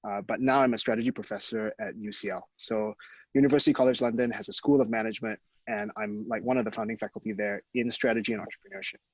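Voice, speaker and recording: A man from Singapore presenting his work over a video call, fluent and lightly self-deprecating. His voice is a little husky. The call audio is dry and dull. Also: on the low side, steady tone, fast talker, dry recording. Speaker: guest speaker, professor. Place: outdoor deck in rural countryside.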